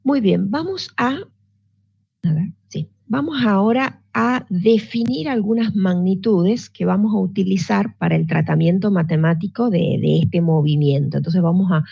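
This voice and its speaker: A medium-pitched, creaky, mellow, husky female voice takes its time through an online physics class. She patiently explains and keeps checking in with her students, restarting frequently. The dry recording sounds dull and lo-fi.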